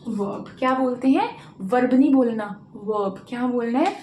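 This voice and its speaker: A woman's voice: high-pitched, animated, fairly quick, dark tone. A woman teacher giving a spoken grammar lesson, drilling her students with repeated questions and answers. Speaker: English teacher. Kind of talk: classroom-style spoken lesson. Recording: echoey room with faint noise.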